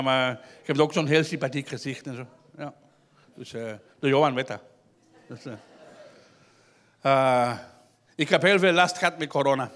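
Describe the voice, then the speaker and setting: Performing stand-up comedy live in a tent, a young Flemish man with a slightly high voice picks on front-row audience members, shouting wildly and stretching out his words.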